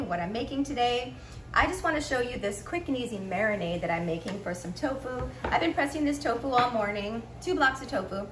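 Middle-aged woman, cooking vlog host, friendly chatter, echoey kitchen, faint hum. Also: medium pitch. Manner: friendly, chatty, explaining as she cooks. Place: home kitchen, indoors. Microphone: camera mic, framed from a few feet away.

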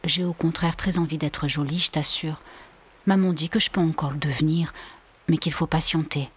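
A woman voicing a proud, mocking teenage girl in a storybook reading, with a breathy voice. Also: deep voice, fairly even intonation, moderate pace. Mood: wistful. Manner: mocking, worldly-wise. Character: proud teasing teenage girl on a summer beach.

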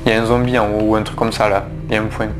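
This YouTuber races through his let's-play commentary in a lowish voice with little pitch movement, with music in the background. He addresses viewers directly and keeps stumbling into fillers and restarts.

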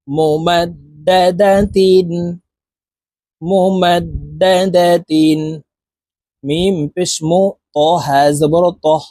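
A man teaching Quran reading, spelling out letters one by one and then blending them slowly into whole words. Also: a little high, warm tone, no room sound. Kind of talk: reciting lesson, spelling letters aloud.

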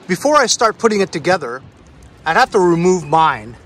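A man's voice: high-pitched, sing-song, normal speed, a bit bright. A middle-aged man casually reviewing a product in a suburban driveway, chatting to viewers he calls guys, recorded on a phone camera. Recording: outdoor street noise behind.

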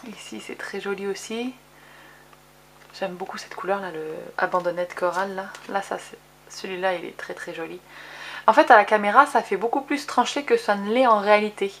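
A woman's voice: mid-range voice, normal speed, fairly bright tone, slight background noise. A woman hosting a casual craft tutorial, chatting as she shows her colour samples, with many fillers and self-corrections. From France. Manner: jokes about her own English accent. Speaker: craft video host.

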